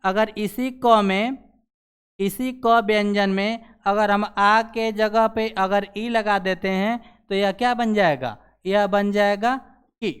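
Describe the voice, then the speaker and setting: A man's voice: high voice, fairly even intonation, slow, a bit bright, clear, resonant tone. A man teaching grammar in a classroom style, asking questions and answering them himself, and saying "theek hai" again and again. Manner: repeats "ठीक है" after nearly every sentence.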